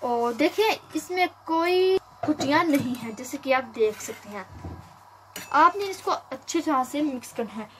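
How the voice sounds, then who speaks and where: A young woman hosting a home cooking video, calmly explaining each step with frequent pauses and fillers, recorded on a phone in her kitchen. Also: high voice, slight background noise. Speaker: cooking channel host. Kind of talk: home cooking tutorial narration.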